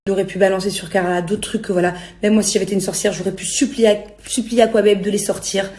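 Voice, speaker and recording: A young woman rants casually to her followers in an exasperated, self-justifying way, full of slang. Her voice is mellow and soft-edged at a middling pitch, with a clearly roomy echo around it. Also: level tone, fast talker. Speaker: reality TV personality. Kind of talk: casual spoken rant to followers.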